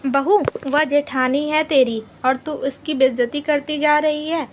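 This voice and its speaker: A woman's voice: high voice, steady tone, a little slow, a little hiss or hum. A woman voicing a stern older mother-in-law who scolds and then stands firm. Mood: scolding. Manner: stern, growling.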